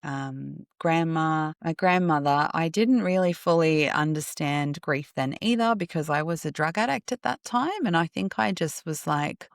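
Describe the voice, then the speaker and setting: A woman hosting a podcast, telling a personal story in a candid, reflective way and often pausing to search for words. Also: low voice, lively intonation, vocal fry, no room sound, studio quality. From Australia. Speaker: podcast host.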